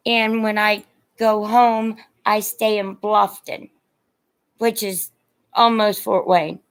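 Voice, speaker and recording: This livestream seller of vintage and antiques is a middle-aged or older Indiana woman with a Midwestern accent, speaking at a slow pace in a medium-pitched voice with little pitch movement. She chats casually and uses endearments with her viewers.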